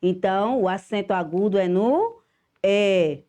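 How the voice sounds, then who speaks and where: A woman's voice: mid-range voice, a little slow, warm tone. A middle-aged woman teacher with a Brazilian Portuguese accent, giving a home-school lesson to children, affectionate and emphatic, stressing each syllable.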